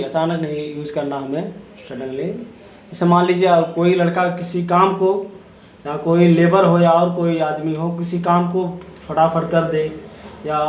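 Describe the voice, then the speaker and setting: A man teaching a spoken grammar lesson, explaining slowly and checking in with "ठीक है" after each point. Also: high-pitched, dull audio, slight background noise. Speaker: English teacher. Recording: echoey room.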